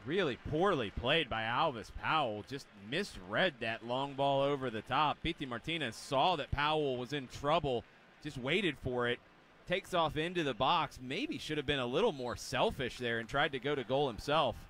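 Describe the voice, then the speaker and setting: A man's voice: mid-range voice, normal speed, fairly bright tone, slight background noise. A man giving color commentary on soccer, matter-of-fact and critical of the play. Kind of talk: soccer analysis.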